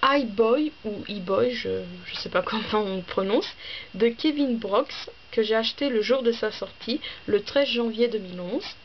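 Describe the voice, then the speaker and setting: A woman's voice: on the high side, moderate pace. Chatty woman book vlogger, hesitant. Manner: hesitant, many fillers and restarts; chatty, listing items one by one. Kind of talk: casual book vlog. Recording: slightly dull with faint background noise.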